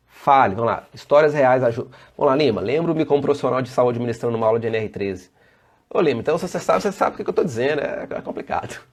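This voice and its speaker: A man's voice: medium pitch, expressive, fast talker. A Brazilian man, a safety engineer and trainer, giving a casual live online presentation and answering viewer comments as he goes. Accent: Brazilian Portuguese.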